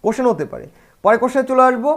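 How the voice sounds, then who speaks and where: A man with a Bengali accent teaching an exam-prep lesson. He repeats each point and keeps checking with "clear?" and "okay?". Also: very high voice, lively intonation, racing. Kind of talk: online exam-prep lecture.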